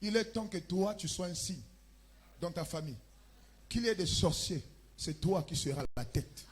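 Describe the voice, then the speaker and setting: Husky high-pitched Congolese preacher. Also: male voice, lively intonation, moderate pace. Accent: Congolese French. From Republic of the Congo. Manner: preaching with loud emphatic bursts and chanted lines. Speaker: pastor. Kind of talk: sermon. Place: church.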